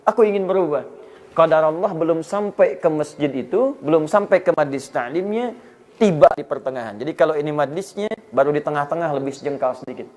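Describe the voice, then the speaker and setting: Indonesian guy preaching, kinda high voice, acts out little dialogues in his stories. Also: a little fast, darkish tone. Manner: storytelling lecture, acting out dialogue with rising emphasis. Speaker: Islamic preacher. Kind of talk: sermon.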